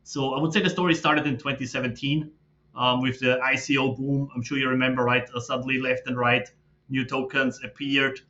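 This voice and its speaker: A man, a podcast guest who explains his background in a steady, filler-laden way. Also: medium pitch, fairly quick. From Austria. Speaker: guest, fund manager. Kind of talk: casual interview talk. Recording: slightly dull lo-fi audio.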